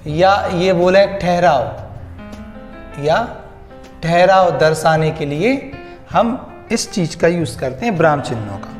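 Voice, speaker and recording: A man explains a grammar lesson and keeps repeating key words back to his students as questions. His voice sits high, and it rings in a roomy, echoing space with faint music behind it. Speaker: teacher. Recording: echoey room with faint music.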